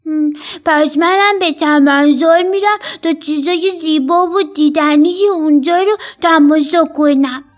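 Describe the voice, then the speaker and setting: Woman putting on a tiny squeaky goldfish. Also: natural voice. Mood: dreamy. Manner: high, slow, childlike squeak. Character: small scared little female goldfish, curious and naive.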